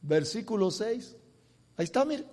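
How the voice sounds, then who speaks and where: A man preaching an emotional sermon, swinging from soft talk to loud, fervent scripture reading. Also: sits high, sing-song, normal speed. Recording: long hall reverb.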